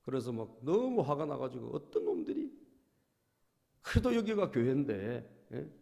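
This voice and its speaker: A male pastor preaching a sermon, storytelling and often prompting the congregation, dropping to soft asides and rising to loud bursts. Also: mid-range voice, very animated, moderate pace, creaky. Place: church sanctuary. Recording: long reverb of a church hall.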